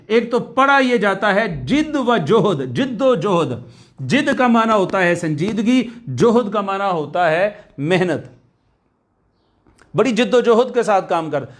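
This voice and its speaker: A man teaching a recorded language lecture, repeating key words slowly and drawn out for drill. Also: high voice.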